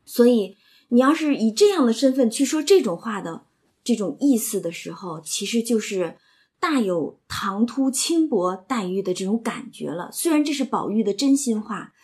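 A woman hosting a podcast, explaining a classic novel in a lively conversational way, often asking listeners to agree. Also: fairly high pitch, normal speed, husky. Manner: lively, asks listeners "right?". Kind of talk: conversational literary commentary.

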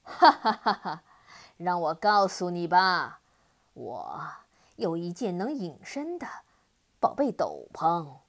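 A woman voicing a boastful, cruel horned demon king in a children's storybook reading, with a gloating, booming delivery. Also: wildly swooping pitch, slow, heavily acted.

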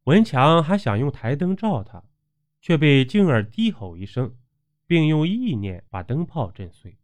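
A man's voice: on the high side, a little slow. A man narrating a dramatic ghost story, acting out the characters' voices as he goes. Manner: animated storytelling with acted voices.

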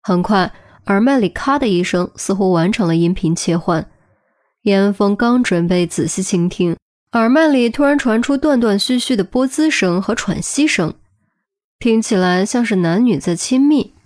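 A woman reads a serialized web novel aloud. She narrates in a steady, even storytelling manner, keeping a mid-range pitch. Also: moderate pace, dry recording, studio quality. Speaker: audiobook narrator.

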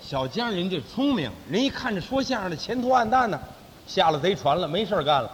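A male comedian plays a smug, blustering fixer who talks down to everyone. His voice is high and swings widely up and down. It is a stage recording with long reverb and faint noise behind it. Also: sing-song, brisk. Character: smug self-important middle-aged man who boasts of connections. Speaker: crosstalk comedian.

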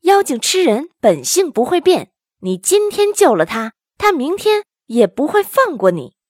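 A woman voicing a brash, hot-tempered monkey hero who argues loudly and forcefully. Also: high voice, sing-song, unhurried, no room sound, clean studio sound, voice pushed up. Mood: indignant. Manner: loud, forceful and indignant.

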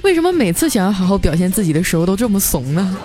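A woman tells a comic story in a lively, playful voice. Her pitch sits in an ordinary middle range. Soft music plays faintly behind her. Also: very fast. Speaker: storytelling host. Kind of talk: comic bedtime story narration.

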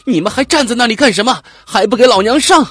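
A man's voice: high-pitched, big pitch swings, normal speed, sharp tone, no echo, pitched above the performer's own voice, exaggerated voice. A man voicing a coarse, brutal middle-aged female convict who bullies a cellmate, with a crude, sneering, domineering manner in an audiobook. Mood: commanding. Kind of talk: audiobook character voice.

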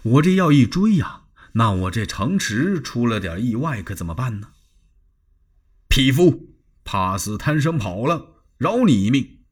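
A man voicing a proud, quick-tempered ancient general who speaks in stern, haughty declamations. His voice is husky. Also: mid-range voice, very animated. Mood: scornful.

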